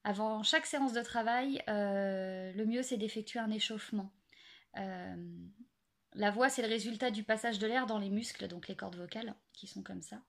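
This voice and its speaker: A young woman explaining singing basics in a casual, hesitant way, full of pauses and fillers. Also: medium pitch, gravelly, fairly bright tone. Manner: hesitant, many fillers and restarts. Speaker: singing teacher. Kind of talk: casual spoken singing tips.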